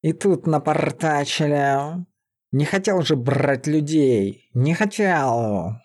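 A man reading an audiobook, voicing a gruff, short-tempered male beastman warrior with a slow, heavy growl. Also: a little high, animated, a little mellow. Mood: irritated.

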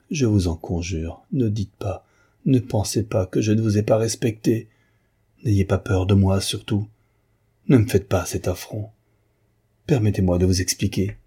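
A man's voice: fairly low pitch, dark tone, breathy edge. A man voicing an impassioned young officer. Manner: imploring, impassioned. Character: young military officer, passionate and pleading. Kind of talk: audiobook reading.

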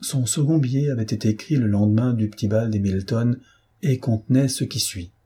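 A male audiobook narrator with a mellow, dark tone and a slightly husky grain. He tells the story in an even, unhurried storytelling manner. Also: medium pitch. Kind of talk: scripted narration.

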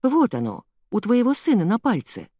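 An insistent aunt who protests and won't back down, as a woman puts her on in a storybook reading. Her voice rises and falls in lively swings, with a dry, close sound. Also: fairly high pitch, normal speed, slightly rough, dry recording, voice pushed up, full character voice.

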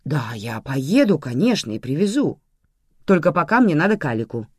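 A woman voicing a calm, matter-of-fact grandmother in an audiobook, placating and dismissive. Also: low-pitched, moderate pace, slightly rough, dry recording, studio quality, full character voice. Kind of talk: audiobook reading.

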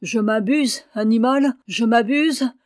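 A woman's voice: mid-range voice, normal speed, darkish tone, no echo, clean studio sound, natural voice. A woman reading aloud and voicing a frantic, jealous man who speaks in a raised, agitated voice.

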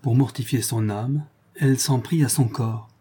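Male audiobook narrator, measured literary reading, dark and husky. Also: mid-range voice, fairly even intonation.

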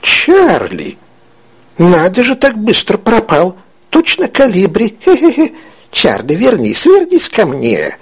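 A man's voice: high-pitched, huge pitch swings, slow, husky, pitched above the performer's own voice, heavily acted. A man voicing a lonely old village witch woman who cackles and wheedles. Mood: excited.

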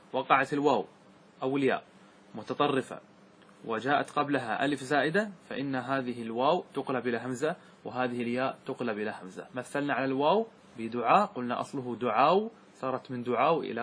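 A man, a sheikh, teaching a class on Arabic grammar, reciting verse slowly and checking whether students follow. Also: medium pitch, fairly bright tone, slight background noise. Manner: asks students rhetorical checks like "clear?". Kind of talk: classroom lesson explaining verse.

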